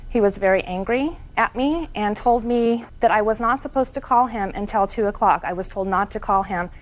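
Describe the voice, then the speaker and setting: A woman's voice: mid-range voice, moderate pace. A woman testifying as plaintiff in court, telling her side in an earnest, detailed, somewhat defensive way.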